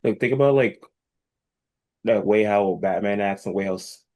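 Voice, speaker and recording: On a podcast microphone, a man co-hosting a casual movie review podcast speaks bluntly and profanely, often searching for words. His voice is fairly low and dark in tone, at a moderate pace.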